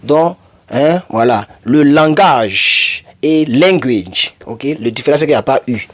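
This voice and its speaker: A man giving an English lesson at a slow, unhurried pace. His pitch swings widely and leaps up high whenever he reads an example sentence aloud. He repeats key words patiently, the way a teacher drills a class. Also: animated. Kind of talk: explaining a language lesson.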